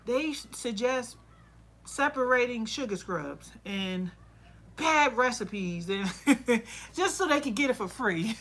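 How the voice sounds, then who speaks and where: A woman's voice: fairly high pitch, animated, slow, a bit bright. A woman hosting a casual livestream, chatting and venting, laughing often and quoting herself. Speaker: soap and candle maker hosting a livestream. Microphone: laptop microphone.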